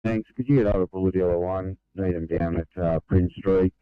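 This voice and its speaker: A man's voice: low voice, fairly even intonation, fairly quick, clear, resonant tone, no room sound. An Australian man on an emergency rescue crew, speaking in clipped procedural phrases over a crackly walkie-talkie. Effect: crackly two-way radio. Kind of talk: terse radio dispatch traffic. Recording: narrow, crackly walkie-talkie radio transmission.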